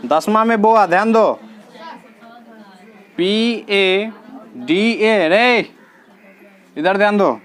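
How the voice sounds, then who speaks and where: Male teacher, unhurried and patient, faint class chatter behind him. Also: high voice, fairly bright tone. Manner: slow, patient, addresses students directly, repeats answers. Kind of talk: classroom lesson explaining reasoning questions. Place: classroom with students.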